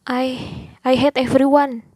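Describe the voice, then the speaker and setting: A woman's voice: high voice, little pitch movement, slow, mellow, no room sound. A woman voicing a distressed, tearful young female friend who speaks in broken, pleading phrases. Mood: bitter.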